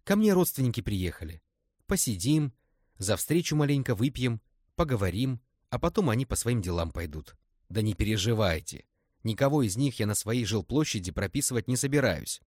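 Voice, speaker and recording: A man reading aloud and voicing a headstrong young woman, a witch, in a sharp, indignant tone. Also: lowish voice, very animated, normal speed, no echo, studio quality, pitched above the performer's own voice. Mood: calming.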